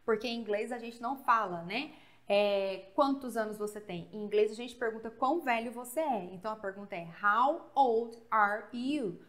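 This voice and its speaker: A woman from Goiás in Brazil with a Brazilian accent, teaching a chatty, animated English grammar lesson that mixes Portuguese and English and leans on frequent tag questions. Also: a little high, normal speed.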